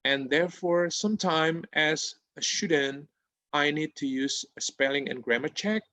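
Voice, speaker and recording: A Japanese-speaking man in his thirties presents a screen-share tutorial in a webinar, hesitating with fillers and restarts. Recorded at home over a video call on a laptop mic, his fairly high, steady, pushed, bright voice is unhurried with no room sound.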